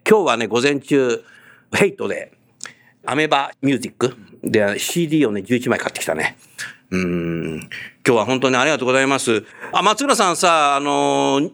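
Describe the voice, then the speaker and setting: A man hosting an on-location interview in a casual, chatty way, telling stories and nodding along to his guest. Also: mid-range voice. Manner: chatty, animated storyteller, frequent nods. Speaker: host.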